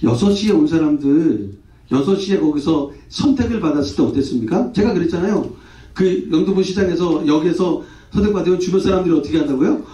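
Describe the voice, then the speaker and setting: A male pastor preaching a sermon in a lively, playful way, often asking the congregation questions. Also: fairly high pitch, brisk. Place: church hall. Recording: echoey church hall, distant muffled mic.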